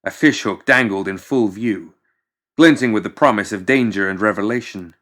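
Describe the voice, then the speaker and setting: Reading scripted fiction for an audiobook, a man tells the story with measured drama. His voice is fairly low and a bit bright.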